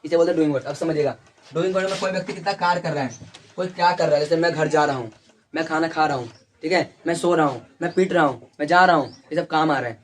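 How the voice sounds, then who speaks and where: Fast-talking male teacher. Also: fairly high pitch, a little hiss or hum. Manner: repeats key words, constant check-ins to students. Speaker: English teacher. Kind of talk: classroom lesson at a board. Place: classroom.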